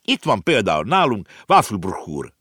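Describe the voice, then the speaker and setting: A man's voice: dry recording, clean studio sound, heavily acted. A man voicing an earnest, know-it-all little girl in an audiobook reading. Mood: explaining. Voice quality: high, lively, explaining.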